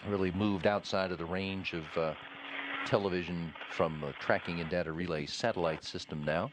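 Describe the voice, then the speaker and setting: A man giving live mission commentary in a halting, measured way. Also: deep voice, steady tone, noisy background. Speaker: spacewalk broadcast commentator.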